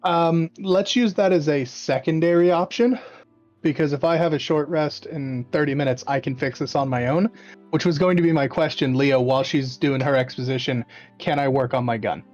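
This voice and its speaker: A man's voice: on the high side, normal speed, a little mellow, soft background music. Joking male player, slightly muffled. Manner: joking, swears casually. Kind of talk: playing a tabletop game over a call.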